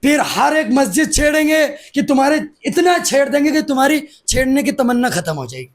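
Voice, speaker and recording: A man's voice: very high-pitched, very animated, a little fast. A man, speaking aggressively and defiantly as the guest in a heated political interview. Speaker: interviewee, activist.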